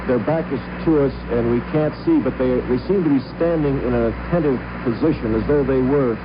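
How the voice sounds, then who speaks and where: A man describes what he observes in careful live commentary. He has a medium-pitched voice on dull 1969 television audio with clear background noise. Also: brisk. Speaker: broadcast correspondent. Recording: muffled, noisy 1969 TV broadcast audio.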